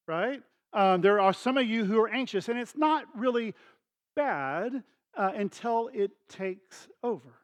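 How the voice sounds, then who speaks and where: A middle-aged pastor delivers his sermon in a high voice. He talks to the congregation casually and acts out scenes with voices and sound effects. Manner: storytelling with acted dialogue and sound effects; conversational, addresses congregation directly.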